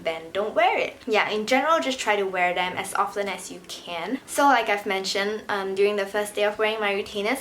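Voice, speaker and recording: Young adult woman, medium pitch, casual vlog chat, conversational. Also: a bit bright, a little hiss or hum. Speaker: vlogger.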